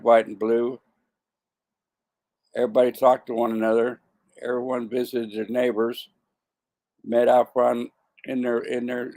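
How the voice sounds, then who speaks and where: A man's voice: mid-range voice, creaky, dark tone. A man in his seventies talking to camera in a casual monologue, often stumbling, repeating words and correcting himself. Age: 70s. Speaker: vlogger.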